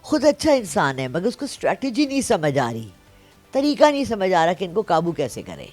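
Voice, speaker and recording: A woman's voice: on the low side, soft background music. A woman in her sixties, a palm reader, telling stories in a casual interview and often checking in with her listener. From Pakistan. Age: 60s. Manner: animated storyteller, frequent "theek hai?" check-ins.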